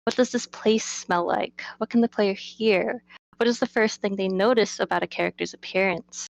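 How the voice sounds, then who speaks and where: A woman who is a game developer, designer, and character artist answers questions in a Q&A, partly reading from prepared notes. Her mid-range voice is creaky at a moderate pace, and the recording is dry and dull.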